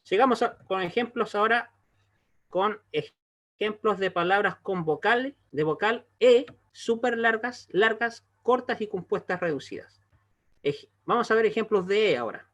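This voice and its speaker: Patient man teaching, slightly high voice. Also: a bit bright, muffled recording. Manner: slow and patient, often checks in with a quick "¿ya?". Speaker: Hebrew teacher. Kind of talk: online language lesson.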